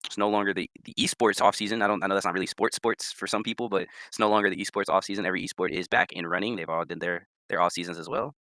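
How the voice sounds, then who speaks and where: A young man co-hosting a casual sports podcast, rambling and repeating words, his pitch jumping up when he gets emphatic. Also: fairly even intonation, very fast, hardly any pauses, bright, forceful tone, no echo. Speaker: podcast co-host.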